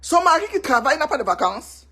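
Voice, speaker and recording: A Cameroonian vlogger with a Cameroonian French accent speaks to her viewers in a high, sing-song, pushed and bright voice, fairly quickly. Her casual gossip monologue is emphatic, and she repeats herself for effect.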